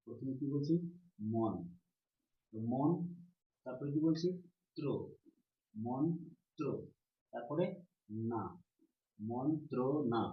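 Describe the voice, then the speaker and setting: Male teacher, repetitive question-and-answer delivery, echoey, slightly muffled recording. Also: mid-range voice. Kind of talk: online grammar lesson. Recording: roomy, slightly dull recording.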